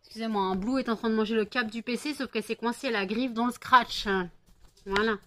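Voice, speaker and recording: Tired woman chatting softly, slightly high voice. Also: fairly even intonation, fairly quick, a little hiss or hum. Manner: soft and hesitant, many fillers. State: tired from lack of sleep. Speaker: vlogger. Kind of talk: casual late-night chat to camera.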